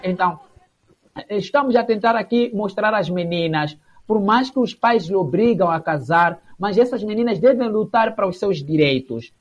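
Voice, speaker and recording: With a high voice and lively intonation, a man from a theatre association takes interview questions at a moderate pace. He hesitates often and uses lots of fillers. It's recorded with a muffled, lo-fi broadcast sound.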